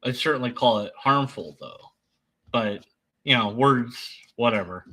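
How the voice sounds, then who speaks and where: Male commentator, very bright forceful voice, slow emphatic delivery, dry dismissive sarcasm. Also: mid-range voice, low-quality recording. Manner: sardonic, dismissive. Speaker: commentator debunking another person's video. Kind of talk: unscripted reaction commentary.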